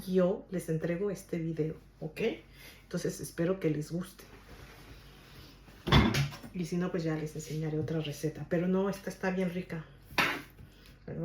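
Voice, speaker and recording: A woman's voice: lowish voice, warm tone, slight background noise. Chatty Mexican woman in an echoey kitchen. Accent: Mexican Spanish. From Mexico, Guadalajara. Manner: chatty, stubborn, keeps asking "¿ok?". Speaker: cooking video host. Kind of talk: casual cooking demonstration. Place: home kitchen.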